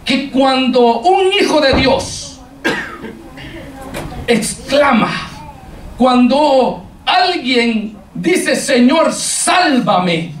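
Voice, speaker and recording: Slow, high-pitched male preacher who speaks straight to his congregation and stumbles over repeated words, heard from a distance over faint room noise. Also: expressive. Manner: halting, repeats words while searching; addresses the congregation directly. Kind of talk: sermon. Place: church hall. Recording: echoey room, far from the mic.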